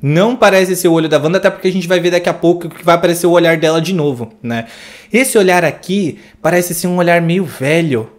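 A man's voice: on the high side, fast talker. A man with a Brazilian Portuguese accent reacting to a movie trailer, effusive and exclamatory as he gushes over each scene. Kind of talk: excited trailer reaction commentary.

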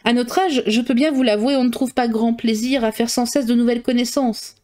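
A woman reading a classic novel puts on an excitable middle-aged mother of five daughters, her voice climbing high and thin as she frets. She fusses and complains, and her nerves are always close to the surface. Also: brisk, lightly acted. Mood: delighted. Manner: shrill, fussy and complaining.

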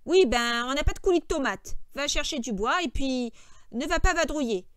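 A bossy, short-tempered farmhand, as a woman reading a novel aloud plays him, scolding and impatient. The voice is raised and fairly high, with a close, dry sound. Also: lively intonation, moderate pace, clear, resonant tone, no echo.

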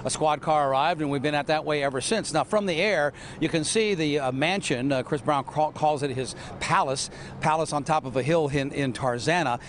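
Male news reporter over faint rumble. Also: moderate pace. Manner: steady, with some restarts. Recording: news clip with background rumble.

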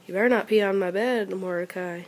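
A woman's voice: medium pitch, fairly quick, a little hiss or hum. A woman filming her family at home, talking in a cooing, coaxing baby-talk voice in a bedroom, recorded on a handheld camera. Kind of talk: casual home video.

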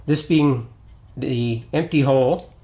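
A middle-aged man hosting a hands-on repair tutorial in his home garage, talking in a relaxed, plainspoken way as he works on an engine bay. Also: medium pitch, takes it slowly, slight background noise. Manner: relaxed, plainspoken, thinks aloud while working. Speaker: DIY auto repair channel host.

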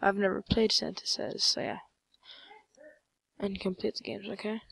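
A woman giving casual, rambling commentary over her own gameplay, full of fillers and sudden excited outbursts. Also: mid-range voice, normal speed, vocal fry, slightly rough, dry recording.

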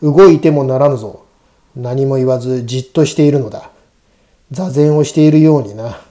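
Grave, protective head priest for a ghost storybook, played by a male narrator: stern admonishing delivery, very dark mellow tone. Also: mid-range voice, moderate pace, lightly acted. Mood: stern warning. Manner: grave, admonishing, old-fashioned speech.

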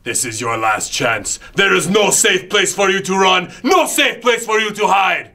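A man putting on a raging wrestling heel who roars his threats high and bright, his pitch swinging wildly from line to line. He drags out his chants and spits out each warning, with a gravelly edge under the shouting. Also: expressive, exaggerated voice. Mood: bellowing. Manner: bellowing, spitting threats, drawn-out chants. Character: ranting male wrestling villain, fanatical and menacing.

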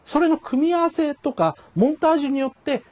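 A man's voice: very high voice, expressive, a little fast, darkish tone. An older man giving a casual spoken critique as a commentator. He acts out quoted dialogue in raised voices and chuckles as he talks. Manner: chuckles while talking.

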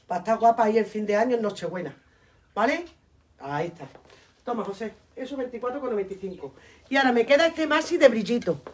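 Chatty high-voiced woman selling clothes. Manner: chatty, affectionate, repeats prices and calls viewers darling. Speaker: live-stream clothing seller. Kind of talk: live sales pitch.

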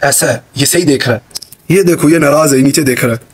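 A middle-aged man, chatting casually on a live stream from his phone, rambling and muttering to himself as he fiddles with cables. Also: mid-range voice.

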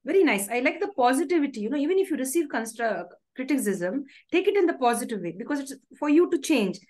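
A woman's voice: high-pitched, sing-song, fast talker, darkish tone. A woman in her thirties with an Indian accent, hosting a video-call interview in an effusive, polite, affirming way. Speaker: interview host. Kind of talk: conversational interviewing. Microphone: video call microphone.

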